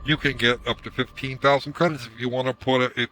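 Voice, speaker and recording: A hoarse man ranting casually on a live stream through a headset mic, his voice run through a voice changer, irritated and swearing as he repeats himself. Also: medium pitch, steady tone, quick pace, pushed and bright, slight background noise, low-quality recording. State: hoarse from screaming. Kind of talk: ranting livestream commentary.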